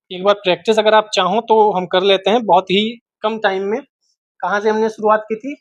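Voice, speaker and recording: A man's voice: high voice, no room sound, muffled recording. A man teaching a map-based geography lesson for exam students, repeating each name and asking and answering his own questions.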